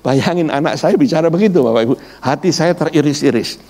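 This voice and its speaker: Speaking quickly in a voice on the high side, this middle-aged male pastor shares his own testimony as the core of a sermon. His storytelling is lively, with quoted voices acted out and repeated calls of "Bapak Ibu" to the congregation.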